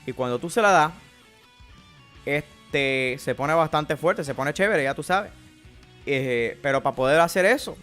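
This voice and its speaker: A joking, slangy Miami guy with a thick Cuban Spanish accent, as a streamer puts him on, crude and casual as he walks through his cards. The voice sits fairly high for a man. Faint guitar music plays behind. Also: animated, unhurried, a bit bright. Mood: playful. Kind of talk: casual game commentary.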